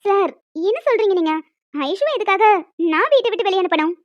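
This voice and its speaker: A woman voicing several emotional village women and a young daughter in a cartoon, fast and dramatic, scolding and tearful. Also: extremely high pitch, expressive, no room sound. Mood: coaxing. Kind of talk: cartoon voice acting. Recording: dull, dry lo-fi recording.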